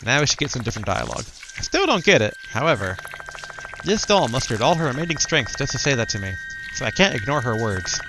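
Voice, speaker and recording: A man's voice: medium pitch, big pitch swings, fast talker, background noise. A man doing casual video game commentary, talking to himself in repeated short phrases and reading game text aloud.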